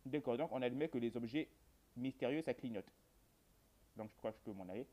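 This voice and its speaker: A gamer and video host talks through a horror game in a medium-pitched, slightly quick, dark-toned voice. He rambles casually to his viewers, using colloquial language and dry humor.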